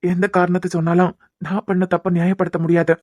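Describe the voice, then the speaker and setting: A woman's voice: lowish voice, flat delivery, fast talker, darkish tone, dry recording, close to an everyday voice. A woman with a Kanyakumari Tamil accent voicing an earnest, apologetic young man in a cartoon serial. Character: earnest young man pleading with his love.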